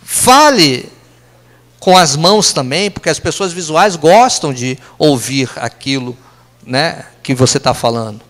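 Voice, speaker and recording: A man's voice: a little high, expressive, a bit bright. A Brazilian man with a Brazilian Portuguese accent giving a talk to a live audience in an office meeting room, conversational and full of tag questions. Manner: conversational, tag questions "né?", quick aside jokes. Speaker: speaker giving a company lunch talk.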